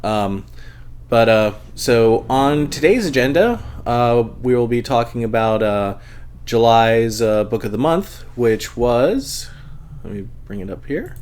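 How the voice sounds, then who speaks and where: An adult man, a veteran convention goer, reads viewer comments aloud while hosting a casual book club stream live. He speaks slowly and hesitantly, with plenty of fillers and a bit of congestion. His voice is medium-pitched and clean.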